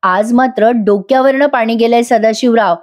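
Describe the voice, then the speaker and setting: A woman's voice: on the high side, normal speed, natural voice. A woman voicing a stern elderly grandmother who scolds a relative angrily. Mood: angry. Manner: angry, scolding.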